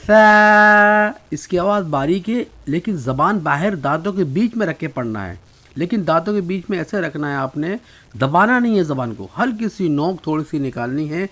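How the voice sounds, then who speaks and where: A man teaching Arabic pronunciation, patiently saying each letter sound slowly and repeating it for students to copy. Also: on the high side, animated. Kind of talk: spoken lesson.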